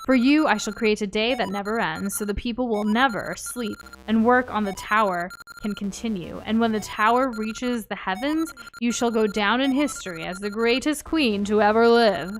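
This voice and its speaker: A woman voicing a scheming video game sorceress villain, reading her lines with slow, theatrical, gloating menace. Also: medium pitch, a little hiss or hum, lightly acted, poor audio. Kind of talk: reading video game dialogue aloud in character.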